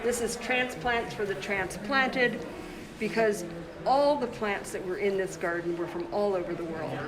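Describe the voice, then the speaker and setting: A woman from the Congo, an artist, chats her way through a casual livestream tour of her own show. She talks into a handheld phone as she walks around an indoor gallery, with a clear murmur of opening-night crowd behind her. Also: medium pitch, a little slow, rough recording. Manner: chatty, showing work while walking around. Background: gallery crowd chatter.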